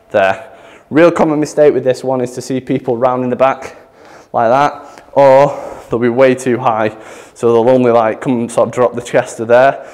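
A man's voice: mid-range voice, darkish tone. A man, out of breath, demonstrating gym exercises as a chatty fitness coach who laughs at himself. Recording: echoey gym with long reverb.

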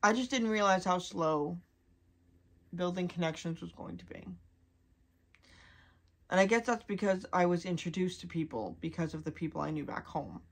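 A young woman talking candidly to her vlog audience, halting and restarting as she holds back tears. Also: fairly low pitch. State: on the verge of crying. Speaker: vlogger.

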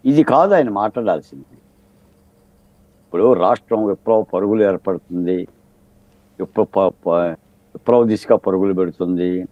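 Argumentative and lowish-voiced, a man speaks as a political analyst in a TV studio debate, pushing his case through one rhetorical question after another. The lo-fi audio carries no room sound.

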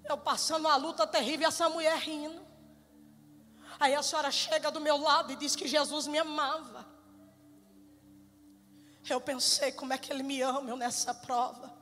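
A woman voicing a desperate unemployed man, speaking low and heavy, in a live church hall with music behind. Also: level tone, normal speed, long pauses, bright, forceful tone, a little hiss or hum. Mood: despairing. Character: desperate unemployed middle-aged man, bitter.

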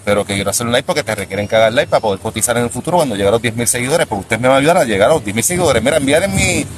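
A man in his fifties with a Puerto Rican accent, rambling casually on a live stream outdoors by a beach, talking to himself and halting when he tries English. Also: medium pitch, animated, slight background noise, rough recording. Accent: Puerto Rican Spanish. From Puerto Rico. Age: 50s.

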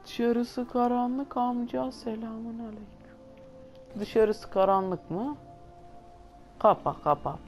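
A woman's voice: on the high side, slight background noise. Foul-mouthed woman grumbling through gameplay. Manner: swears a lot, grumbling and exasperated; talks straight to viewers. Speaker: gaming video host. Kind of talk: live gameplay commentary.

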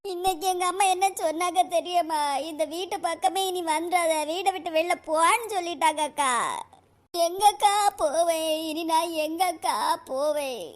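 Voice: very high voice, moderate pace. A voice actor playing a tearful, complaining young married woman in a cartoon comedy, with a Kanyakumari Tamil accent. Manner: whiny, complaining.

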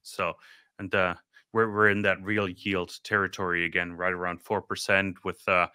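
A man's voice: low voice, flat delivery, normal speed, sharp tone, clear, resonant tone, dry recording, clean studio sound. A middle-aged man hosting a finance podcast, asking chatty questions with frequent stumbling restarts. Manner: chatty, stumbling restarts, laughs at own remarks. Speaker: podcast host. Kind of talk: interview questions.

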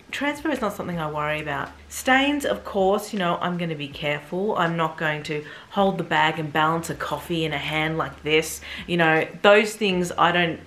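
A woman's voice: lowish voice, fairly bright tone, a little hiss or hum. A woman in her thirties chatting enthusiastically to viewers as she unboxes and reviews a bag. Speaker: fashion vlogger. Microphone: camera mic.

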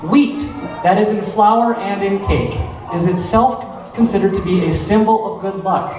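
A man with a Minnesotan accent working as the DJ and emcee at a wedding reception, with a fairly high, bright voice. He keeps a playful, upbeat announcer manner as he talks over the PA. He is picked up from far off, so his voice rings around a big echoing barn hall with a long tail. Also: unhurried, crowd noise. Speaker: wedding DJ and master of ceremonies. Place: large wooden barn event hall, indoors. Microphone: handheld microphone through the PA, picked up from afar.

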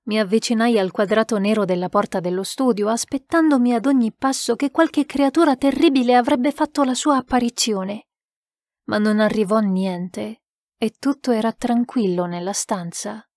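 A woman narrating an audiobook in a tense, measured storytelling manner. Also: on the high side, darkish tone, no room sound, studio quality.

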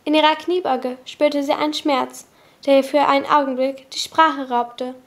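A woman reading a novel aloud in a steady, expressive storytelling manner. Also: high voice, normal speed. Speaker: audiobook reader.

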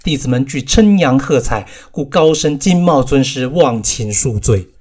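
Man voicing excitable male disciples, teasing, husky, storybook reading. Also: medium pitch, a little slow. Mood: apologetic. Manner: cheering, teasing.

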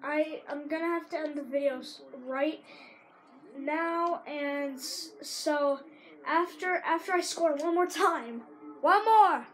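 With a sore throat, a teenage girl wanders through casual video game commentary, interrupted by excited shouts at plays. She speaks slowly in a high voice, and the recording is rough.

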